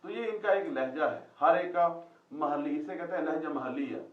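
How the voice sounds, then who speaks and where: A man's voice: a little high, moderate pace, reverberant, muffled recording. A man teaching a class, quizzing students and repeating their answers back, recorded from a distance in a classroom. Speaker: Quran Arabic teacher. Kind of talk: classroom lesson with questions to students.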